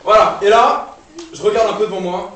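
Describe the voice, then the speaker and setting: A man's voice: sits high, fairly even intonation, fairly quick, fairly bright tone. A young man doing improvised stand-up comedy with the audience, talking in a loose, chatty way with many fillers and restarts, heard from a distant mic on a live stage. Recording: distant live room mic, strong echo, noisy.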